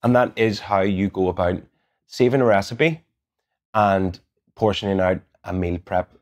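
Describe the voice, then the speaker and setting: Man, Northern Irish accent, thirties, lowish voice, methodical tutorial, lapel mic, gym studio. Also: measured pace. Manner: calm, methodical, instructive. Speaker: gym coach. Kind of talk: step-by-step app tutorial. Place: gym studio in front of a branded backdrop.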